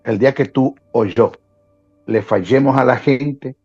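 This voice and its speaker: A Venezuelan man in his sixties, a Bible teacher appearing as a guest, talks in a preaching style and repeats phrases for emphasis. His mid-range voice is a little mellow with a breathy edge, and he keeps a measured pace. The lo-fi recording sounds dull, with faint music behind him.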